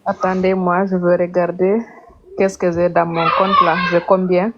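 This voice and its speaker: A woman's voice: on the low side, flat delivery, moderate pace, muffled recording, background noise, lightly acted. Woman as a caller claiming to be the president's daughter. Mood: hesitant.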